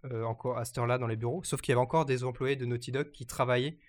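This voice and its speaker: A man hosting a casual news chat, often pausing and restarting his sentences. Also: medium pitch, steady tone. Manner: hesitant, many fillers and restarts.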